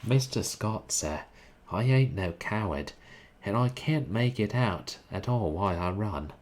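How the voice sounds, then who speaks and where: A man's voice: lowish voice, expressive, slow, darkish tone. A man voicing a blunt young Cockney servant who drops his aitches. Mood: uneasy. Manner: dropped aitches, rough working-class speech.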